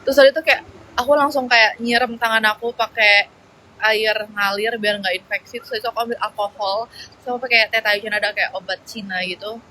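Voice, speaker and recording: A woman's voice: on the high side, fairly even intonation, a little fast, bright, forceful tone, a little hiss or hum, low-quality recording. A young woman chatting casually on a livestream, reading out viewer comments and rambling with slangy fillers.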